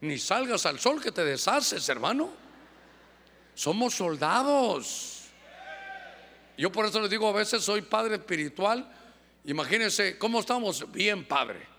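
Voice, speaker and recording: Fervent high-voiced preacher in a reverberant hall. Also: male voice, lively intonation, pushed and bright. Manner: fervent, exhorting, acts out church members in quick asides. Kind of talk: sermon.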